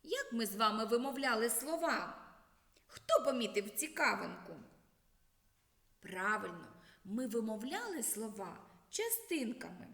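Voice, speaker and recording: A woman with a high voice leads a children's literacy lesson at an unhurried pace. Her sing-song teacher delivery swoops up and down. The recording has a roomy, echoing sound with a long reverb tail. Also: big pitch swings, fairly bright tone. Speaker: primary school teacher. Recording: echoey room with long reverb.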